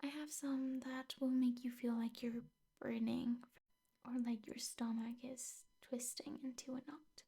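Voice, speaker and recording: A woman acts out a possessive yandere teacher girlfriend for intimate ASMR, her fairly high, very soft, dark voice full of breath and frequently whispered. The delivery is level and a little slow with a breathy edge, sweetly coaxing yet softly menacing under the affection.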